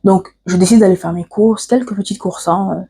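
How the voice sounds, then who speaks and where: Husky-voiced woman telling a personal story. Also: medium pitch, fairly even intonation, fairly quick, mellow. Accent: African French. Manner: hesitant, frequent "euh" fillers and restarts; earnest, confiding. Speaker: vlogger.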